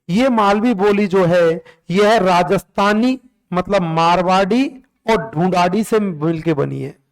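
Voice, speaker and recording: A man, lecturing a class in an exam-prep style. He fires short questions and has the answers repeated back in a steady drill. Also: high voice, clean tone. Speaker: teacher.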